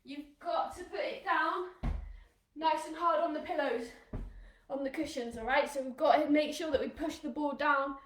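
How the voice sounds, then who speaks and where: Her voice is high, fairly even in tone, and moderately paced: an English woman coaching children's rugby in a live online exercise class. Encouraging and upbeat, she calls out countdowns, now and then breathless, in a room full of echo.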